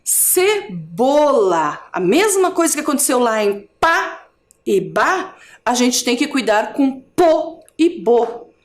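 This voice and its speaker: High lively woman teacher from curitiba, brazilian portuguese accent, stretches out syllables, keeps asking the viewer questions. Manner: slow, drawn-out syllables for drilling. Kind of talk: adult education video lesson.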